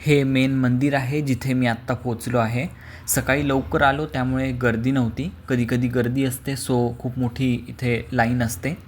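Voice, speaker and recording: A man narrating his travel vlog as a calm, even tour guide, with occasional hesitant fillers. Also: mid-range voice, moderate pace, background noise. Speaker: vlogger.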